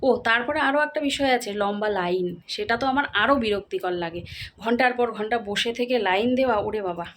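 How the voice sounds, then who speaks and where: A woman, chatting quickly and casually to her viewers while vlogging at home. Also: on the high side, a bit bright, a little hiss or hum. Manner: rapid chatty talk with fillers. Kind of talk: casual vlog chat to viewers.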